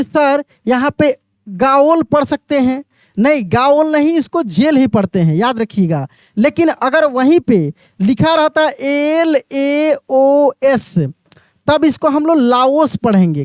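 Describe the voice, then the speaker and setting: A man's voice: very high-pitched, no room sound, studio quality. A male teacher giving an online English pronunciation lesson. He spells out words letter by letter, asks what they are read as, and answers his own questions over and over. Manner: slows down to spell out letters one by one.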